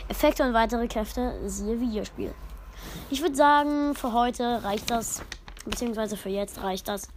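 Storyteller, woman, slightly high voice, reads her own tale, rambling and self-correcting. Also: unhurried, a little hiss or hum.

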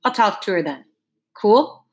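A woman's voice: mid-range voice, animated, a little slow, voice pushed up, lightly acted. A woman voicing a brash, pushy male track coach in an audiobook, firing off persuasive questions. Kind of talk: audiobook character voice.

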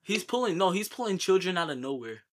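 A young man hosting a casual question session on a low quality, glitchy online stream, teasing and insistently repeating himself. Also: big pitch swings, fast talker. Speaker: host asking questions. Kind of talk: casual bantering group chat. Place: online voice call.

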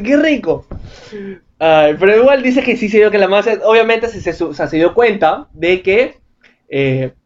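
A man reads out viewer anecdotes and riffs on them with crude, excitable slang. His voice sits high. The recording is dull and lo-fi, like a home vlog. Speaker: host reading viewer anecdotes. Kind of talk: comedic commentary vlog.

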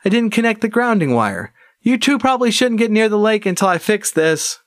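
A man voicing a fussy, distracted male gnome tinkerer in a storybook reading, talking high and excitedly. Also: fairly quick, no echo. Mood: excitable.

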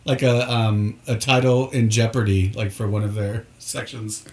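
A man co-hosting a casual podcast, joking around in an unhurried way. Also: lowish voice, little pitch movement, a little mellow, echoey room, distant mic. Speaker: podcast co-host. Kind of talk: casual chat.

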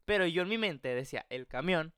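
A young man tells a story on a casual podcast. He talks fast in a somewhat high, crisp voice, full of slang. He keeps jumping into the voices of the people in his story. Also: expressive, a bit bright, dry recording, clean studio sound. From Mexico. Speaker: podcast co-host.

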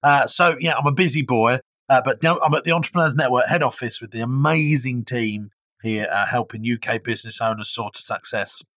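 An upbeat man with an Essex accent talks energetically as an interview guest on business. His pitch sits in the middle for a man. The sound is dry and close, with little room to it. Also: a little fast, a bit bright, dry recording. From Essex, England. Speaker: guest entrepreneur and business speaker.

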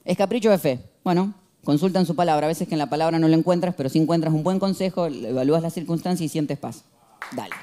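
A man in his thirties with an Argentine accent, preaching a sermon in an animated, humorous way and acting out shouted quotes. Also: a little high, fast, a little hiss or hum. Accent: Argentine Spanish. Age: 30s.

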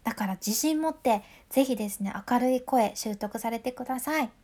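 A woman's voice: on the high side, a little fast, mellow. A woman with a Fukuoka accent giving a chatty, playful voice lesson and acting out example voices. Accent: Fukuoka dialect of Japanese. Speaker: voice coach. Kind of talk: friendly voice lesson.

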